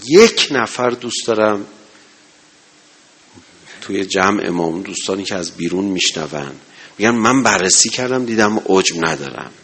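A man preaching a sermon to a gathering, impassioned, swinging between loud exhortation and low murmurs. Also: animated, pauses often, breathy edge. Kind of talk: religious sermon.

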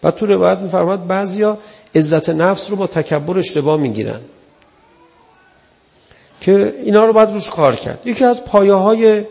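A man's voice: high-pitched, lively intonation, vocal fry, long pauses, a little mellow, in a large hall. A man giving an earnest religious sermon in a conversational way, acting out the people he quotes. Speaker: preacher.

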